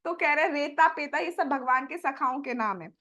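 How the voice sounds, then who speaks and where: High, bright-voiced woman telling a devotional tale. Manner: explains each verse slowly, then paraphrases. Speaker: devotional storyteller. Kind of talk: devotional story sermon with sung verses.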